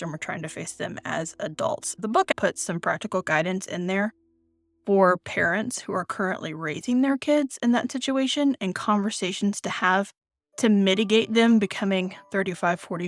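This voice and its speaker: An American woman in her forties, talking casually and expressively about books she has read. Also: medium pitch. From United States, raised in Kenya. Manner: chatty, expressive, reads from her notes. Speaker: book reviewer. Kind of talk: casual book review vlog.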